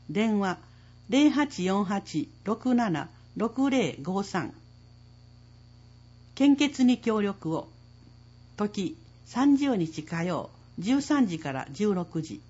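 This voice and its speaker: Female announcer for city notices, unhurried, soft husky tone, lively pitch. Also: muffled recording. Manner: measured, reads phone numbers slowly. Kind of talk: municipal public service announcements.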